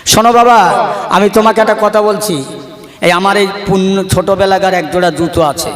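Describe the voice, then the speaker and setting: A man voicing a kindly elderly teacher who gently coaxes a poor pupil, speaking in a high voice. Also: steady tone, brisk. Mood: tender coaxing. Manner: gentle, fatherly coaxing. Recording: echoey hall with long reverb.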